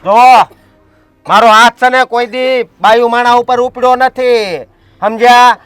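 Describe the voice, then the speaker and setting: A man's voice: very high-pitched, fairly even intonation, a little slow, fairly bright tone, clear, resonant tone, no echo, soft background music. A man playing a stubborn village enforcer in a short film, bossy and threatening. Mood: stern. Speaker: village strongman blocking the road. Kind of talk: short film drama acting.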